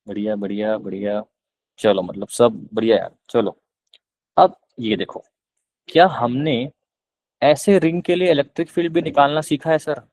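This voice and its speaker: A man with a Punjabi accent teaching physics in a live online class, explaining slowly and repeating questions to his students. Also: mid-range voice, darkish tone, no room sound, rough recording. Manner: coaxing, repeats questions to students, calls them beta; slow, deliberate explanation.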